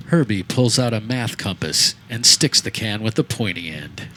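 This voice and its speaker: A man with a lowish, expressive voice, pushed and bright, narrates a scripted comedy radio play at a moderate pace. It's recorded live outdoors in a backyard before an audience, with faint background noise.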